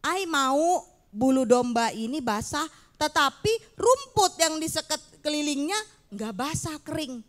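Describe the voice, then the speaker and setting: Timid young man full of self-doubt, played by a woman, hesitant, pleading, high voice, children's Bible story. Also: animated, unhurried.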